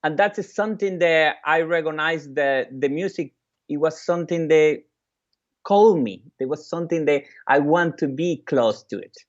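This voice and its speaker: A Venezuelan man, a native Spanish speaker with a Venezuelan accent, gives a keynote full of personal stories, pausing and repeating phrases haltingly. He is a music educator and orchestra leader, his voice a little high, the audio dull.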